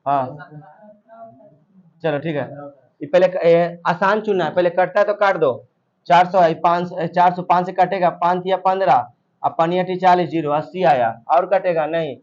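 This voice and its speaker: High-voiced male math teacher, drills and quizzes the class, lo-fi sound. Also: steady tone, moderate pace. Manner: repetitive, quizzing students, drilling answers. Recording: dull lo-fi recording.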